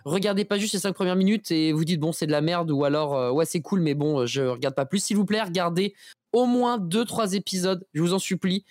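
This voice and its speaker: A man's voice: sits high, brisk, a little mellow, no echo, studio quality. A man co-hosting a podcast, chatting casually and enthusiastically, pleading with listeners and using a lot of slang. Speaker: podcast co-host.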